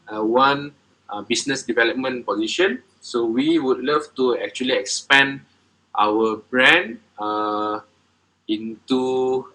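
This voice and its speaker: A man explains his business plans in a bright, forward voice. He pauses often and fills the gaps with "uh" and "um.". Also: mid-range voice, rough recording. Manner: hesitant, many filler sounds, halting phrasing. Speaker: coffee business owner presenting. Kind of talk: presentation and Q&A answers.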